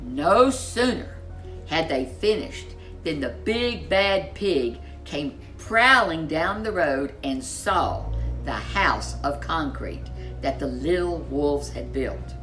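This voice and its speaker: A woman reading a children's story aloud as host, with expressive narration and dramatic, drawn-out emphasis on key words. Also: deep voice, faint music behind, low-quality recording.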